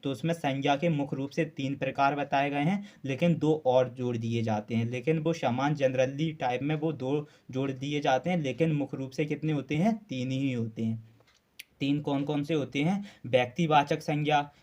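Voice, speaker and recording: Speaking at a moderate pace in a mid-range, darkish voice, this man teaches Hindi grammar to exam students in a classroom lecture. He poses questions he then answers, keeps repeating key terms, and fills gaps with frequent "uh"s.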